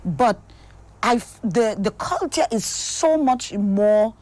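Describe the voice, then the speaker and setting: A woman hosting an interview, curious and quick with follow-up questions. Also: mid-range voice, expressive, darkish tone. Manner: curious, asks follow-up questions, frequent affirmations. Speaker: host. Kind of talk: conversational interview.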